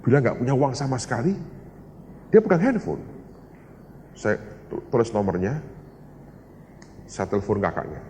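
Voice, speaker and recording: A man's voice: mid-range voice, big pitch swings, normal speed, long pauses, warm tone. A male pastor preaching a sermon, telling stories and briefly acting out other people's voices. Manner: storytelling, acting out voices in bursts. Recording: reverberant hall, faint noise.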